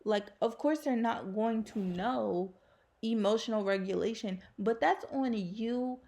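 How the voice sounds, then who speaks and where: A woman's voice: on the high side, unhurried, creaky, mellow. A woman ranting bluntly in a casual vlog, with slang and plenty of profanity. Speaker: faceless YouTuber.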